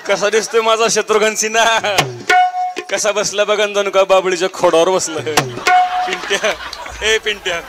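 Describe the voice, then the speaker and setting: Comic folk stage: a man playing a high-voiced, boastful village mother, sing-song and coaxing, with loud tabla behind. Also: little pitch movement, normal speed, lightly acted. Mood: doting, teasing. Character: boastful doting village mother with oversized grown baby. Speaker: bharud folk performer. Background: tabla and folk music.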